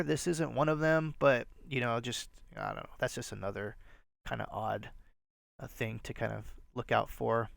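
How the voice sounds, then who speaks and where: Nasal, rambling man with gravelly voice. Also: medium pitch, fairly bright tone, no echo, studio quality. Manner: rambling, filler-heavy, self-deprecating. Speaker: resale channel host. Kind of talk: casual show-and-tell vlog.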